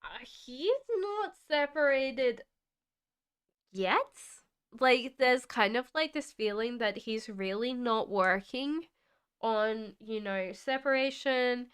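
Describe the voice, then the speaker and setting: This tarot reader's voice is fairly high, clean, and a bit bright, with lively intonation and a slow pace. Originally from Australia, she mixes Australian and British accents while live-streaming a reading from her UK home. She reads comments from viewers aloud and laughs a lot.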